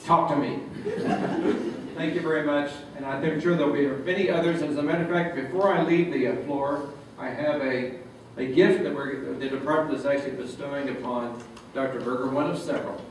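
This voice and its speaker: Man, light joking speech, a touch high, distant in a very echoey room with clear background noise. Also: normal speed. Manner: joking, chuckles at his own lines. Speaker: speaker at a reception. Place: reception room. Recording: roomy, distant, noisy room recording.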